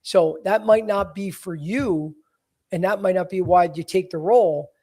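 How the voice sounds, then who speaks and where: High-voiced blunt man in his forties. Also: moderate pace, dark tone. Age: 40s. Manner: blunt and emphatic, many "you know" fillers. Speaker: podcast host, career coach. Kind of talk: casual advice podcast.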